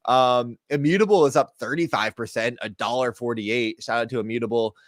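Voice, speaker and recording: A man co-hosting a crypto gaming show, talking through market news casually in hyped crypto-bro slang with shout-outs. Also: medium pitch, fairly quick, no echo, studio quality.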